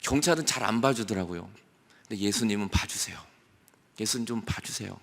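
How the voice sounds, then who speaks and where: A male pastor preaching a year-end sermon, telling anecdotes in an animated, conversational way. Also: on the low side, brisk, creaky. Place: church sanctuary. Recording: long hall reverb.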